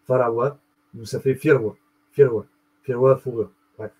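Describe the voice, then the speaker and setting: A man's voice: medium pitch, fairly even intonation, a little slow, darkish tone, slightly rough, poor audio. A man hosting a video, rambling through a casual explanatory monologue, often checking in with "d'accord?" and spelling out Arabic letters.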